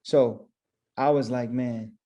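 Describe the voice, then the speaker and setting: A man's voice: mid-range voice, fairly even intonation, moderate pace, gravelly, mellow. A man who owns barbershops, guest on a podcast, telling his story casually and retelling his own thoughts as quotes.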